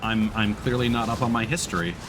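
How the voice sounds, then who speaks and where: This streamer speaks fast in a medium-pitched, flat voice. Playing a video game, he offers casual live commentary, hesitantly thinking aloud and musing to himself while battle noises from the game fill the background.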